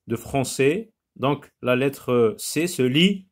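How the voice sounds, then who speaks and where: A man's voice: medium pitch, animated, takes it slowly. A man teaching a phonics lesson to young learners, patient and repetitive, sounding out words syllable by syllable with frequent filler sounds.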